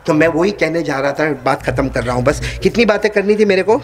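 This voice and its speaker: A man's voice: a little high, animated. A man with a Hyderabadi Urdu accent preaching a sermon, joking with the audience and quizzing them for answers at a religious gathering. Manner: jokey, quizzes and teases the audience. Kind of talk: sermon with call-and-response.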